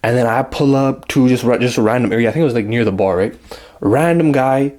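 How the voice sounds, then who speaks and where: A young man telling a story in a relaxed, rambling way, thick with slang. His voice sits in an ordinary middle pitch. He keeps acting out the lines of the people in his story. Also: quick pace. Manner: slang-heavy, rambling, acts out quotes. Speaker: vlogger. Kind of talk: casual storytime.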